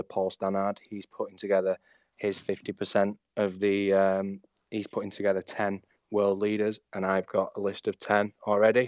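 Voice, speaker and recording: A low-pitched man talks with excitement about his projects, rambling and restarting as a guest in a casual interview. His delivery stays fairly flat in pitch. The recording is dry and dull, with a lo-fi sound. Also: no echo. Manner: enthusiastic, rambling, many restarts. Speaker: podcast guest, startup founder.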